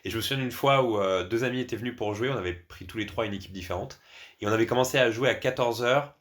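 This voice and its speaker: Talking quickly in a mid-range, fairly bright voice, this Frenchman shares personal anecdotes as a podcast guest. His manner is casual and conversational, and his accent is from France.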